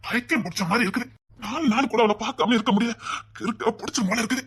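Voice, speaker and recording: A woman's voice: on the high side, quick pace, breathy edge. A woman voicing a restless lovesick police officer. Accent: Tirunelveli Tamil. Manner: agitated, stumbling over words.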